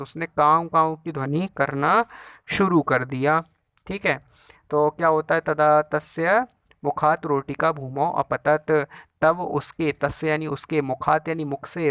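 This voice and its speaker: Male teacher, explanatory, repeats and glosses each word, somewhat high-pitched. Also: a bit bright, no room sound. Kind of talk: Sanskrit lesson, translating a story line by line.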